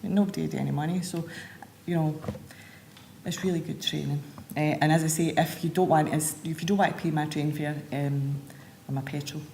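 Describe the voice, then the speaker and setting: A woman's voice: low voice, steady tone, a little fast, vocal fry, darkish tone, slight background noise. A woman with a Scottish accent giving an informal conference talk as a recovery advocate, chatty and digressive with self-deprecating asides. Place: conference hall. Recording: echoey hall with faint ambience.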